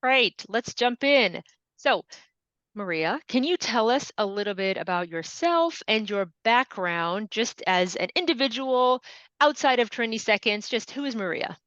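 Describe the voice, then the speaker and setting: A woman's voice: on the high side, expressive, measured pace, fairly bright tone, no room sound. A woman hosting a podcast, reading an upbeat intro and asking the guest questions. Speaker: podcast host. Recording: dry, dull lo-fi sound.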